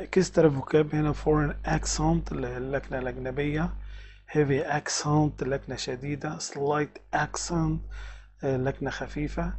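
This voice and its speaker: A man with an Egyptian Arabic accent teaching English vocabulary, reading English words slowly and explaining them quickly. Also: on the high side, darkish tone.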